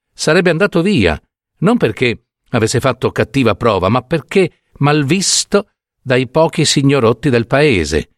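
A man narrating a classic short story in an expressive, theatrical reading. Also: mid-range voice, no echo, clean studio sound.

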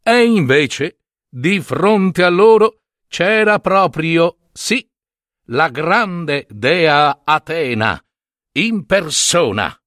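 A man reads a myth aloud in a theatrical storytelling voice. His pitch swings widely while his pace stays slow and deliberate. The recording is close and dry. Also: dry recording. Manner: animated, voices each character in turn. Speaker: narrator.

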